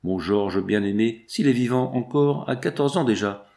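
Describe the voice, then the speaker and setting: A man's voice: medium pitch, moderate pace, gravelly, warm tone, close to an everyday voice. A man voicing a distressed woman prisoner who is regaining her memory, asking anguished, pleading questions. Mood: reflective.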